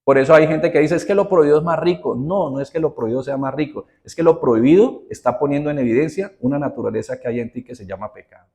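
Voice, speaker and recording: A male pastor preaches in a somewhat high voice. He talks to the congregation conversationally, full of rhetorical questions, and jumps from loud, stressed phrases to quiet, intimate asides. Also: quick pace. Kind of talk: sermon.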